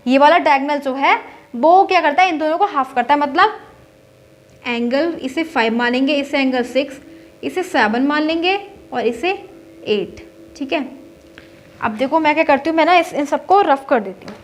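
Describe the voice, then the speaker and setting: High-voiced woman teaching a maths lesson. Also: moderate pace. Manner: repeats "theek hai" to check in, asks and answers her own questions.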